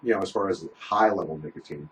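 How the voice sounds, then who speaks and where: A man's voice: sits low, fast talker, a little hiss or hum, poor audio. A man giving a casual, rambling product review in a folksy, conversational way, talking with a small pouch tucked in his lip.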